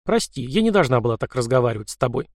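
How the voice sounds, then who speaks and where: A man's voice: mid-range voice, big pitch swings, fast talker, dry recording, studio quality. A man doing a grieving young woman. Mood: sad. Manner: quiet, tearful.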